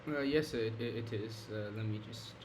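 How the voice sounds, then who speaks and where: A man's voice: lowish voice, a little fast, roomy sound. A male student giving polite, brief replies in an online lesson. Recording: distant call audio with noise.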